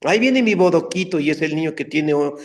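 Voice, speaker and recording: Animated older man telling stories. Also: fairly high pitch, brisk. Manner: animated, slips into character voices mid-story. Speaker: voice actor and dubbing director guest. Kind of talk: casual interview storytelling.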